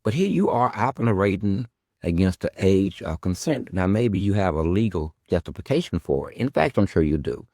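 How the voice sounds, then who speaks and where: Low-voiced man delivering a needling, profane rant. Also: sing-song, normal speed, dark tone, no room sound, studio quality. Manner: sarcastic, profane, needling, repeats questions. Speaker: podcast host. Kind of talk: confrontational monologue addressed to an absent guest.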